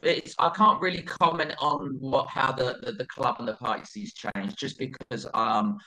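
Bright-voiced middle-aged Essex man chatting. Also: medium pitch, steady tone, moderate pace, rough recording. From Essex, England. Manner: rambling, repeats phrases. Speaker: interview guest, DJ. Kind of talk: casual interview chat.

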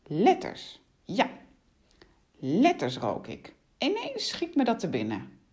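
A woman voicing a flustered male huntsman on horseback, who exclaims loudly and dodges questions. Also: wildly swooping pitch, takes it slowly. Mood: evasive. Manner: high-pitched, loud, exclaiming.

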